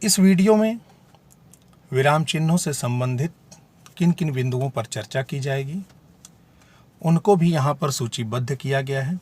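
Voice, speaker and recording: A man teaching Hindi grammar in a video lesson, explaining terms deliberately and spelling out examples. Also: medium pitch, expressive, a little mellow.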